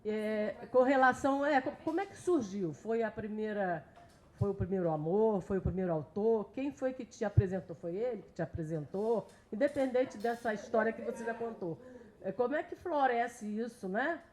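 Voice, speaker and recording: A woman's voice: fairly high pitch, animated, normal speed, darkish tone. A woman in the audience asking a curious, rambling question, rephrasing it several times. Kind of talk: panel Q&A.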